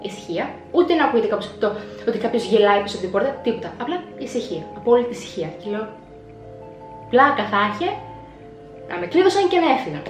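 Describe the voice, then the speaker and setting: A woman's voice: fairly high pitch, big pitch swings. A young woman telling a personal story in a vlog, acting out her own past words with dramatic flair. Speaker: vlogger. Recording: echoey room with faint music.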